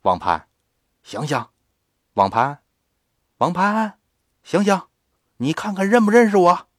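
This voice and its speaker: A man voicing a scheming man who poses as a Taoist priest in a told story, hushed at times and calling out insistently at others. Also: mid-range voice, animated, a little slow, dry recording, clean studio sound. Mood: insistent shouting.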